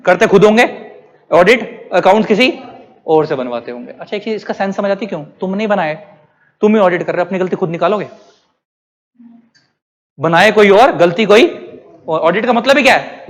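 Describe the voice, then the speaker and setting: A man's voice: high-pitched, long reverb tail. A man teaching a class. He asks his students questions and then answers them himself. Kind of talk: classroom lecture.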